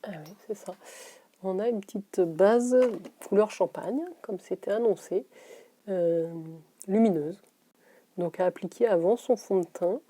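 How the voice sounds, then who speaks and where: A woman's voice: mid-range voice, mellow. Chatty woman unboxing beauty products. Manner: chatty, laughs to herself, thinks aloud; slows to read labels, drops to a whisper on names. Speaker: beauty vlogger. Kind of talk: casual unboxing chat.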